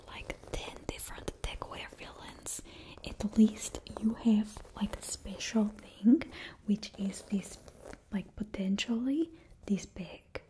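A young woman with a slightly high, warm voice whispers close to the mic in ASMR roleplay, playing a cheerfully ruthless stylist to supervillains in a put-on Russian accent and dropping little words. Her face is near the camera in a small indoor studio with a backdrop, and the recording quality is low.

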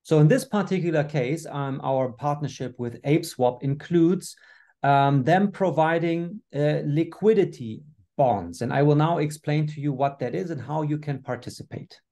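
Guy running a business webinar on a video call, kinda high voice, mellow tone, lots of uh and um. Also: normal speed. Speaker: webinar host.

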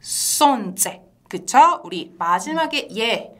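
A woman hosts a language lesson with a voice that swings widely in pitch, sitting a bit higher than most. She laughs often and keeps throwing questions to her co-teacher and the viewers. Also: normal speed. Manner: bright and animated, laughs often, asks questions to engage viewers. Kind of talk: lively two-person language lesson.

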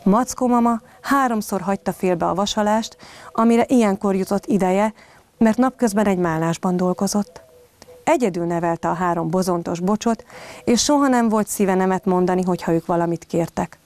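A woman kindergarten teacher reading a story aloud to young children. She speaks gently and plainly, recorded at home. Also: medium pitch.

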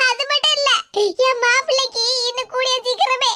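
A woman's voice: extremely high pitch, steady tone, fairly quick, bright, forceful tone. A woman voicing a young cartoon wife who sobs and wails, with a Tirunelveli Tamil accent. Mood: wailing. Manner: wailing, sobbing. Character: crying young wife thrown out by her in-laws. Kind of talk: cartoon voice acting. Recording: noisy lo-fi recording.

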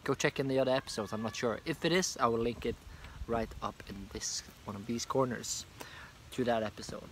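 A young man from Norway who makes comics and vlogs talks a little fast in a medium-pitched voice, full of fillers, as he casually reviews something on a park bench by a hedge. He records on a phone camera at arm's length, and there is a little hiss or hum.

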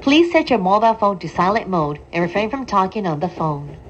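Over the sound of a running train, a female announcer delivers scripted station announcements in a calm, deliberate, formal manner. The train PA sounds dull, with a noticeable rumble.

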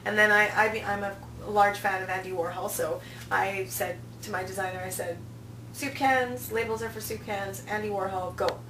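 With a mid-range voice, steady tone, and moderate pace, this festival programming director in her thirties speaks informally as an interview guest, sharing anecdotes and acting out what was said. She was recorded in a small office indoors, and the sound is roomy, with a distant mic and a noticeable hum.

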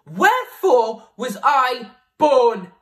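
A young man plays a banished nobleman with a grievance, declaiming classical verse as he indignantly pleads for his inheritance. His very high, exaggerated voice is very animated yet very slow, a bit bright, and picked up from a distance.

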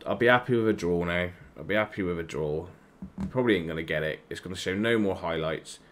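Male gamer, lower voice, live reaction commentary, swears and rants at his players. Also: fast, a bit bright. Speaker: gaming YouTuber. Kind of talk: live reaction commentary over a football management game.

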